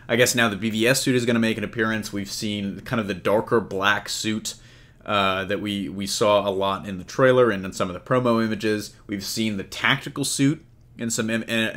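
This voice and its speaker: A man with a lowish, fairly bright voice hosts a podcast discussing entertainment news casually. He keeps it conversational, asking his co-hosts questions.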